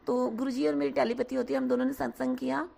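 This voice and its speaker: A hoarse woman giving an earnest devotional testimony, often addressing her listeners directly. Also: sits high, fairly even intonation, fast, warm tone. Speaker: devotee sharing a satsang.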